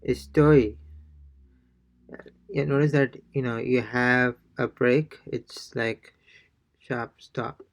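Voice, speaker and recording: Slow, hesitant male language teacher. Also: medium pitch, steady tone. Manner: hesitant, many fillers and restarts. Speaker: Spanish teacher. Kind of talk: casual language lesson.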